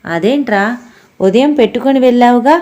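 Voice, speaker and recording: A scheming stepmother putting on sweet, worried concern, as a woman reads her lines. the voice is fairly high and smooth-mannered. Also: brisk, dark tone, natural voice. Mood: feigned.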